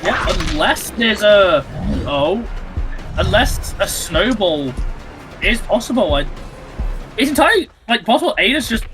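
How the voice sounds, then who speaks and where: A high-pitched man calls the action live, his voice leaping up and down as he rambles through the play with restarts and fillers. Game music plays clearly behind him. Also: very animated, measured pace, long pauses. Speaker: esports caster.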